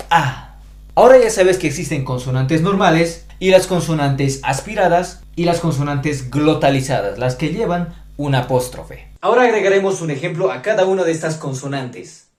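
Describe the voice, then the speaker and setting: A man with a Bolivian Spanish accent giving a pronunciation lesson, carefully spelling out each sound. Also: fairly high pitch. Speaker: language teacher.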